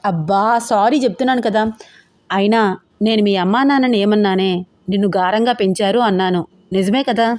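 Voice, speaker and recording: A playful young husband who coaxes and teases his wife, bossy one moment and sweet the next, as a woman narrator puts him on. The voice sits at a middle pitch and close and dry, as in a storybook audio drama. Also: brisk, a little mellow, dry recording, lightly acted. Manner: cajoling, teasing.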